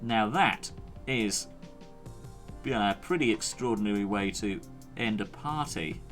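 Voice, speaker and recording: A man's voice: lowish voice, measured pace, a bit bright, soft background music. A man from the UK co-hosting a podcast, reading out listener comments in a dry, hesitant way full of fillers. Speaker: podcast co-host. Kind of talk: casual chat.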